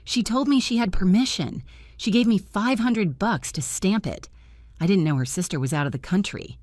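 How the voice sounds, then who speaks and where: A woman's voice: medium pitch, normal speed, a little mellow, no echo, studio quality, pitched above the performer's own voice, close to an everyday voice. A woman narrator voicing a panicky, defensive male freeloader who stammers and pleads. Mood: panicked.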